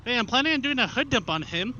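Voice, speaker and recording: A man's voice: very high-pitched, lively intonation, quick pace, sharp tone. A young American man chatting casually and ramblingly as he rides, talking from inside a motorcycle helmet. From Arkansas, United States. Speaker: motovlogger, new rider. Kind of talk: casual vlog chat while riding. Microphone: helmet headset mic into an action camera. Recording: muffled helmet mic with engine and road noise.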